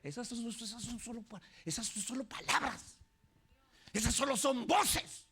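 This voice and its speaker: A pastor delivering an animated sermon, often shouting and laughing. His voice is high and bright with a gravelly rasp. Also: a little slow, slight background noise.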